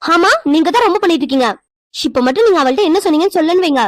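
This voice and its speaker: A woman voicing a fiery, fast-talking cartoon wife. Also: very high-pitched, lively intonation, no echo, studio quality. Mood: scolding. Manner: scolding, demanding. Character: fiery young wife, quick-tempered and teasable. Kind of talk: cartoon voice acting.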